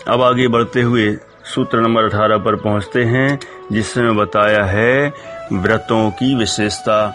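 A man's voice: lowish voice, fairly even intonation, a little slow, over music. A man teaching a religious text, explaining each term one by one and asking listeners to repeat the verses after him. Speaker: teacher of scripture.

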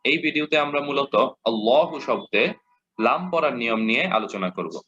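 A man with a Bangladeshi Bengali accent teaching a lesson, patiently repeating examples and modeling slow recitation. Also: mid-range voice, animated, pushed and bright. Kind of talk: explanatory lesson. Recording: dull lo-fi audio.

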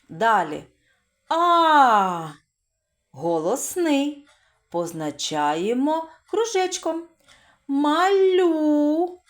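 A woman leads a preschool literacy lesson, sounding out letters and syllables for the children to repeat. She talks slowly, with a very lively, bouncing melody, and keeps praising the kids in an encouraging tone. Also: medium pitch. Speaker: preschool teacher.

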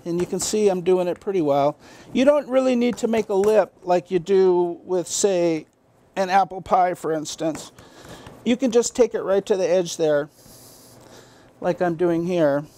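A man's voice: high-pitched, unhurried, mellow. A middle-aged man hosting a homey cooking show, chatting folksily to the viewers while he bakes in a basement kitchen. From Massachusetts, US. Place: basement kitchen of a town hall.

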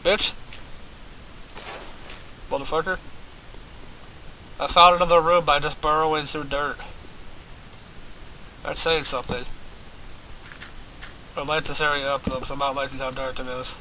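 A man's voice: on the high side, level tone, measured pace, pauses often, sharp tone, a little hiss or hum, poor audio. A man giving rambling, casual gameplay commentary, swearing often and talking straight to his viewers. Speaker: let's play host.

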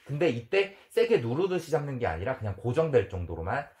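A male dog trainer calmly explaining grooming to an owner, with firm, drawn-out soothing praise for the dog. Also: mid-range voice. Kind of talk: hands-on training demonstration.

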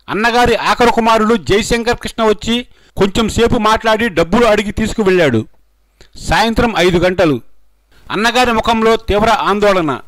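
A man with a high, light voice narrates a news story in a scripted voice-over, leaning on dramatic rhetorical questions. The sound is dry and close, with no room around it. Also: fairly bright tone, no room sound, low-quality recording.

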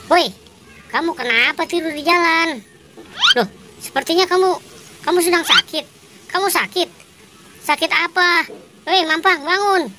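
Woman playing excitable clown kid, loud and fussy, hissy background. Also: a little high, fairly quick, close to an everyday voice. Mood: fretful. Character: excitable boy clown, Boboiboy.

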